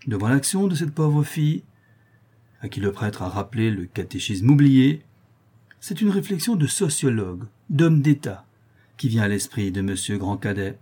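Male audiobook narrator, measured storytelling, mellow tone, breathy edge. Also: a little high. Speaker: audiobook reader. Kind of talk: scripted narration of a short story.

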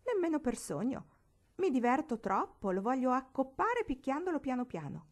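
A woman voicing a spiteful, bratty rich girl in a storybook reading, taunting and shrill when angry. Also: big pitch swings, normal speed.

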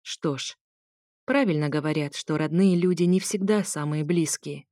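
A woman narrates a first-person story in an audiobook. Her delivery is steady and even, and her voice sits low. The sound is close and dry, with no room around it. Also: moderate pace, no room sound. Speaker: audiobook reader.

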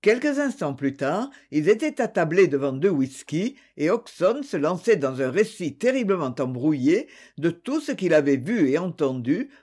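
A man narrating a novel as an audiobook in an expressive storytelling manner. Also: fairly high pitch, slightly rough.

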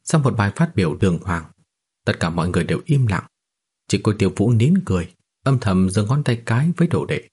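A male narrator reading a fantasy novel aloud at a steady, even pace. His voice is low with a husky, slightly breathy grain. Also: fairly quick. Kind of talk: scripted audiobook narration.

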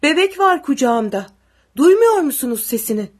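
A woman voicing a frightened father pleading loudly. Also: high voice, lively intonation, quick pace, voice pushed up. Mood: desperate pleading. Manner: loud desperate pleading. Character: frightened young father clutching his sick baby.

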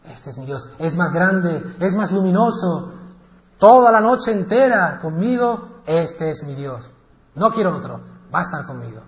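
A man voicing an earnest male prophet who proclaims to a crowd in drawn-out, declaiming phrases. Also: on the high side, big pitch swings. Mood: awed. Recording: echoey, dull lecture recording.

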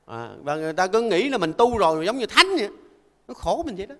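An older Buddhist monk gives a folksy, conversational dharma talk and keeps asking listeners to agree. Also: male voice, sits high, big pitch swings, fast talker, bright, forceful tone, long reverb tail. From Vietnam. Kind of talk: conversational sermon.

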